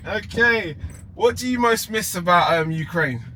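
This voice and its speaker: A man's voice: sits high, animated, measured pace, bright, forceful tone, a little hiss or hum. A man working as a rideshare driver, chatting casually and bantering in his car. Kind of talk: casual chat with passenger. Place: inside a car.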